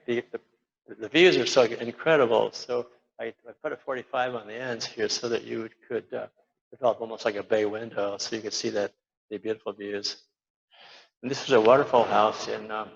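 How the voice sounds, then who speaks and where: Older male architect, lecturing over slides, gravelly voice, rambling delivery, muffled lo-fi recording. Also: lowish voice, a bit bright. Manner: rambling, frequent fillers and restarts. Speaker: architect giving a slide talk. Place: lecture hall at an awards event.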